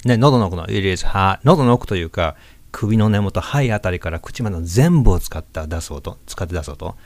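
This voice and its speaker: A man's voice: low voice, lively intonation, moderate pace, darkish tone, no echo. A man giving a casual video lesson on English pronunciation, demonstrating and exaggerating sounds as he explains.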